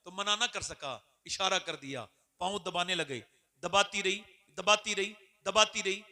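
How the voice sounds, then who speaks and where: A male preacher giving an emotional religious sermon in an impassioned, rhythmic delivery that builds to loud shouts. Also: high voice, a little slow.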